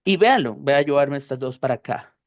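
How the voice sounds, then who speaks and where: A woman teaching a class, explaining slowly and patiently, often repeating herself and checking that her students follow. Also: very deep voice, lively intonation, no room sound, clean studio sound. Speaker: English teacher.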